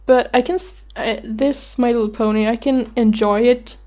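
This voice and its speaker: A woman's voice: on the high side, steady tone, moderate pace, warm tone. A woman in her twenties answering viewer questions on a webcam, rambling and self-deprecating, giggling and swearing casually. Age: 20s. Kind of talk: casual chat.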